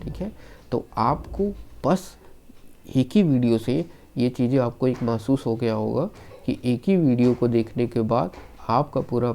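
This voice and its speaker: A man teaching an online Hindi exam-prep lesson, slightly hoarse from being unwell, reeling off lists of words and reassuring his students. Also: medium pitch, mellow, a little hiss or hum. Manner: rattles off word lists, reassuring asides to students.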